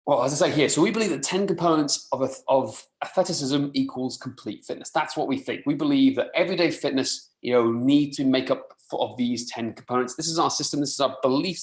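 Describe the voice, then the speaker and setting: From rural mid Wales and speaking Welsh as his first language, this coach presents an informal fitness webinar live online. His male voice is on the high side, captured in roomy, echoing audio.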